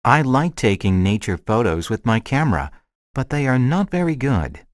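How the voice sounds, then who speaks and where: Lively, friendly acted man in lesson dialogue. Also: mid-range voice, moderate pace, no echo, studio quality, close to an everyday voice. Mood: friendly, measured. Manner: careful, clearly separated short sentences. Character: friendly man chatting about a shared hobby. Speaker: language lesson dialogue speaker.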